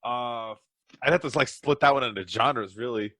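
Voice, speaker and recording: A man's voice: medium pitch, normal speed, sharp tone, no room sound, clean studio sound. A man chatting casually as a podcast guest, rambling through stories with a self-deprecating streak. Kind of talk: casual chat.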